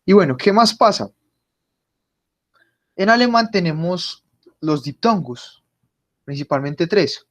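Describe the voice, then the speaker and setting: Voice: mid-range voice, animated, slow, pauses often, fairly bright tone. Online German teacher. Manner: patient, drills pronunciation by repeating words. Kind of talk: online class explanation. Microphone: computer mic on a video call.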